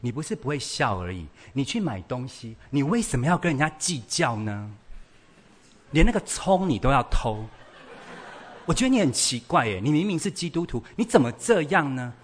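A man's voice: fairly low pitch, big pitch swings, fairly bright tone, husky, heavily acted. A man voicing an exasperated teenage child who scolds a parent in a whiny, accusing way. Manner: whiny, accusing, rapid complaints.

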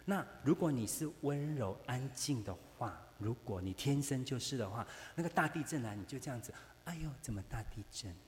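Brief: male Bible teacher, lively and jokey, always checking with the class, recorded in a reverberant hall with a faint hum. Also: mid-range voice, fairly quick, hardly any pauses. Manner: animated, joking, keeps asking the class rhetorical questions. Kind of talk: church teaching to women.

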